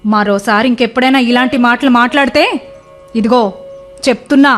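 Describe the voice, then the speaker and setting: A woman playing a scornful, sharp-tongued wife. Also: a little high, brisk, natural voice. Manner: scornful, scolding. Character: sharp-tongued, selfish young wife, contemptuous. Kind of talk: radio play acting. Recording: faint music behind.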